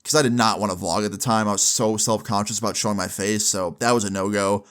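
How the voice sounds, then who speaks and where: A man's voice: on the low side, steady tone, quick pace, fairly bright tone, clear, resonant tone. A young adult man telling a personal story casually, in slangy, sweary language, acting out bits of dialogue as he goes. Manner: informal slang-heavy, swearing, acts out dialogue. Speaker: YouTube storyteller.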